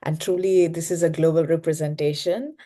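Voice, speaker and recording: A woman's voice: low voice, steady tone, a little fast, mellow. A woman from South India, giving hesitant panel remarks on a video call, full of fillers.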